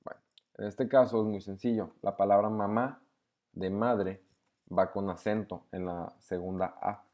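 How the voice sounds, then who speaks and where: A man's voice: lowish voice, steady tone, a little slow, darkish tone. A young man patiently walks through grammar exercises, reading each sentence aloud and explaining it step by step. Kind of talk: screen-recorded lesson walkthrough.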